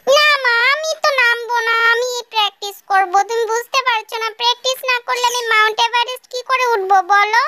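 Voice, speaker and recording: A woman's voice: extremely high pitch, quick pace, hardly any pauses, sharp tone, no echo, clean studio sound, pitched above the performer's own voice. A woman voicing a cheeky young pet parrot who talks in a sulky, pleading, childlike way. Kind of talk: comedic pet voice-over.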